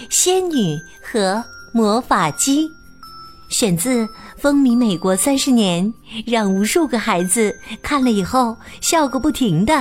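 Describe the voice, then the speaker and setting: A woman reads a picture book aloud for children in an unhurried, sing-song manner. Her fairly high voice rises and falls expressively. Quiet music plays beneath her. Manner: slow, lilting, expressive storytelling. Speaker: children's storyteller. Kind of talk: picture-book story reading. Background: faint music.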